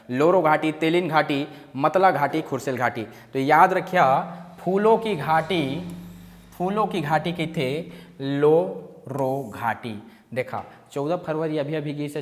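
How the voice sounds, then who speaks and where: A man's voice: fairly high pitch, in a large hall. A man with a Chhattisgarhi accent teaching a quiz lesson for exam prep, chanting memory tricks in a sing-song way. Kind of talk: animated mnemonic quiz lesson.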